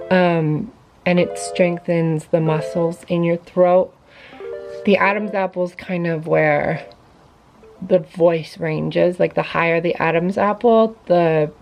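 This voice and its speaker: A woman's voice: fairly low pitch, muffled recording. A woman vlogger talking casually to camera, sharing tips in an informal, chatty way with many fillers.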